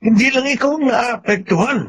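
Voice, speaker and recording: A man's voice: very high voice, a little fast, a bit bright, slight background noise. An actor playing a stern middle-aged father in an old radio drama, firm and reproachful. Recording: dull lo-fi old radio recording.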